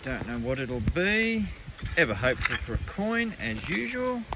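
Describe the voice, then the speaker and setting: This Australian man chats while metal detecting outdoors on the goldfields of the rural bush, relaxed and a bit salty, with Aussie slang and an occasional mild swear. He speaks at normal speed in a slightly high, sing-song voice. Background noise is audible, and the outdoor camera mic catches wind at times.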